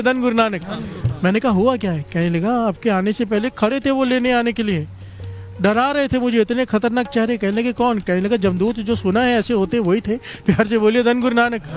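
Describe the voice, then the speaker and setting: High-voiced male Sikh preacher. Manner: keeps calling the congregation to answer back. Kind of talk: storytelling sermon with call-and-response.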